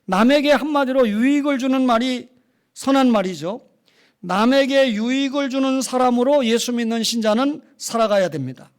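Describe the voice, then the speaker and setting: High-voiced Korean pastor preaching. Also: male voice, clear, resonant tone. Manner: conversational preaching with rhetorical questions. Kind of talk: sermon. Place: church sanctuary.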